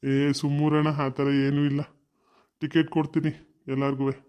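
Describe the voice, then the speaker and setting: A man voicing a timid, lovesick young male bus conductor who speaks softly and sheepishly, with a Mysore Kannada accent. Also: fairly high pitch, level tone, normal speed, smooth, dull audio, voice pushed down, lightly acted.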